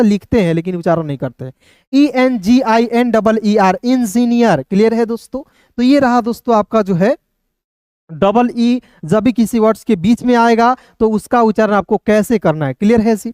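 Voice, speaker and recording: A male teacher giving a pronunciation lesson, spelling out words slowly and checking often that students follow. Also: high-pitched, darkish tone, no echo, studio quality. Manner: repeats words slowly, often says "dosto" and "clear hai". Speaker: English teacher.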